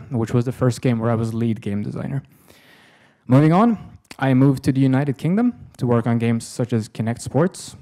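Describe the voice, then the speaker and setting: A Swedish man in his thirties with a warm, medium-pitched voice and a Swedish accent gives a self-deprecating, joking lecture from a podium in a conference hall full of audience, using lots of ums. He's picked up by a podium microphone and a distant camera.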